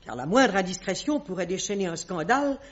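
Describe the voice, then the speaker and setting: This medium-pitched female voice is expressive and lightly acted, belonging to an actress cast as a haughty middle-aged queen mother in a French radio play. The old recording sounds dull, and her formal, measured delivery carries a grave, confiding mood.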